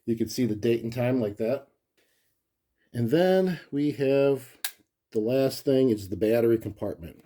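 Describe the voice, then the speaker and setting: A collector reviews a gadget hands-on, his mid-range male voice warm and lively in intonation and a little slow. He chats casually and thinks out loud in a relaxed, unscripted manner.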